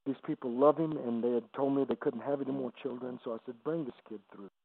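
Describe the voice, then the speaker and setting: A man in his seventies, an evangelist guest, telling emotional testimony stories on a radio interview, halting and repeating words as he goes. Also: mid-range voice, fairly even intonation, vocal fry, slightly rough, dry recording. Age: 70s. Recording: dry, phone-like radio line.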